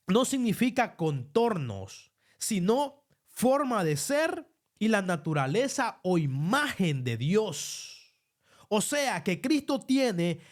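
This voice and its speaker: A man preaching a Bible teaching sermon, reading verses aloud and asking listeners to underline words. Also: high-pitched. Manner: explains slowly, tells listeners to underline verses.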